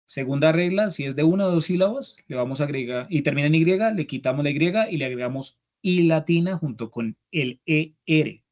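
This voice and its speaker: A man's voice: fairly high pitch, lively intonation, fairly quick, few pauses, darkish tone, lo-fi sound. A young man teaching an English grammar class, patiently repeating each step and checking that students follow. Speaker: English instructor. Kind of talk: online class explanation.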